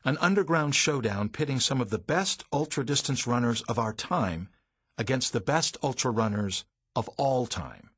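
A man's voice: medium pitch, lively intonation, normal speed, a bit bright, breathy edge, no echo. A man reading a first-person audiobook, telling the story in a dramatic, vivid way. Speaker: audiobook narrator.

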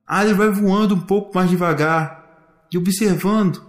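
A man narrates a storybook in a slow, deliberate way and draws out repeated words. His voice sits a bit higher than most men's. The recording carries a noticeable room echo. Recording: echoey room.

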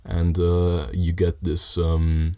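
Casting: young man, very low voice, flat intonation, casual podcast guest with halting, measured phrasing. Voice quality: deep voice. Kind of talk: casual chat.

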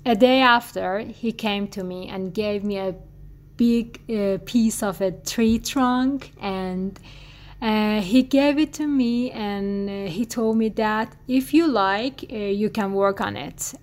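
A guest artist from Iran, a native Farsi speaker, answers interview questions in halting English with an Iranian accent, searching for words. Her voice sits at a medium pitch.

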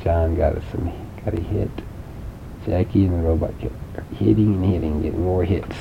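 A man with a low voice spins a playful bedtime story, tossing in sound effects and questions for his listener. It is recorded lo-fi and dull, with a faint rumble underneath. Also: fairly even intonation, moderate pace, creaky.

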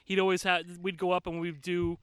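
An American podcast guest who is a wrestler and manager tells casual stories outdoors in a shaded backyard, joking and repeating words for emphasis. His voice sits high with a completely flat delivery, a little fast, clear and resonant, on a dry, clean studio-sounding recording.

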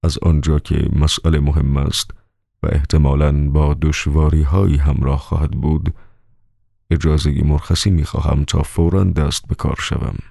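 A man voicing a discreet male head of secret police who answers quietly and politely. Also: very deep voice, flat delivery, gravelly, dry recording, clean studio sound, heavily acted.

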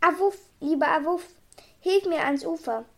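A woman's voice: normal speed, creaky. A woman reading a children's story aloud, voicing a cruel, bad-tempered woman who shrieks and scolds. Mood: panicked. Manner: shrill, screaming for help.

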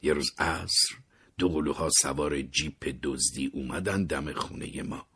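A young man narrating a scripted story in a measured way, sometimes sinking to an unvoiced whisper. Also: very deep voice, sharp tone, breathy edge. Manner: measured, dropping to unvoiced whispers in tense moments.

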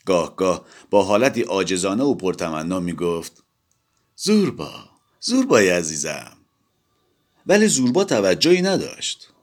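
Low-voiced male audiobook narrator, lively and expressive. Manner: expressive storytelling.

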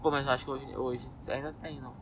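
A man's voice: medium pitch, little pitch movement, fast, recorded from a distance. Young rio guy chatting in street slang, curious, noisy background. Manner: slangy, inquisitive. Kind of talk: casual chat in street slang.

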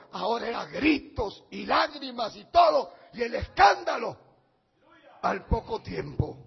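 A male pastor with a very high, husky, gravelly voice preaches a sermon, dropping to a hush and then rising to shouts. The recording is dull and lo-fi, with a long reverb from a hall. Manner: preaching with dramatic swings from hushed to shouting.

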